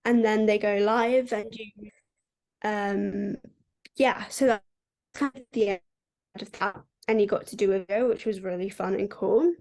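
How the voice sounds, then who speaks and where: A chatty woman co-hosting a podcast recaps a book, peppering her speech with "like." Her voice is on the high side and darkish in tone, with audible vocal fry.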